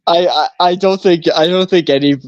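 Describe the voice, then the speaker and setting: Male co-host, fairly high voice, laid-back and profane, slightly dull lo-fi recording. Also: normal speed, no echo. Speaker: podcast co-host. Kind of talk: casual stoner chat. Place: small studio.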